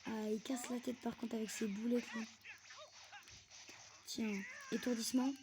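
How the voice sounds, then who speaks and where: A woman giving casual gameplay commentary, chatty and prone to excited yelps while she plays, recorded on a phone. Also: fairly high pitch, a little slow, background noise. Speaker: gamer.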